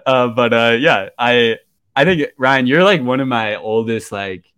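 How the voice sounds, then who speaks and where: A young man hosts a casual hobby podcast in a frat-bro manner. His mid-pitched voice leans on slang and filler words, rambling loosely as if among buddies. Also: a little slow, fairly bright tone, smooth, dry recording. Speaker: podcast host.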